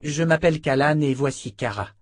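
A man voicing a resolute young woman inquisitor in an audiobook, speaking in a steady, measured way. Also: fairly high pitch, no room sound, studio quality, voice pushed up, lightly acted. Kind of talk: audiobook character voice.

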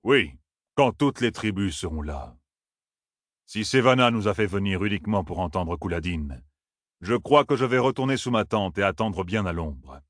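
A man doing a deep-voiced gruff chief. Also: expressive, normal speed, dry recording, studio quality. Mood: scornful. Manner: gruff, dismissive.

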